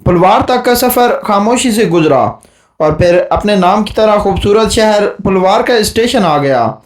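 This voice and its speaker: Guy reading a horror story aloud, high voice, steady and dramatic, mic kinda far. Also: reverberant. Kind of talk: audiobook horror story narration.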